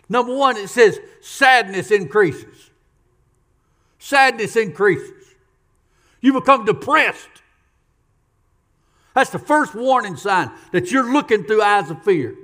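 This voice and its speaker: A man preaching a sermon. His voice sits high and swings widely in pitch, with a bright, forceful edge. He hammers points by repeating them and throwing questions at the congregation. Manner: emphatic, repeats key lines, asks the congregation questions. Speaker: pastor.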